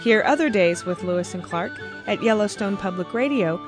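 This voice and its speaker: A woman's voice: mid-range voice, animated, normal speed. A woman announcing the scripted title and credits of a radio series. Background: fiddle music.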